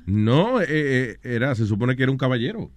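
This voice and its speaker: A man's voice: medium pitch, very animated, fairly quick. A male radio host bantering playfully with callers and cohosts, dropping English words into his talk.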